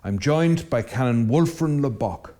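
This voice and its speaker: A man, a priest hosting an interview, speaking in measured, formal phrases. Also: mid-range voice, lively intonation, dark tone. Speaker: host, priest. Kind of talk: interview host.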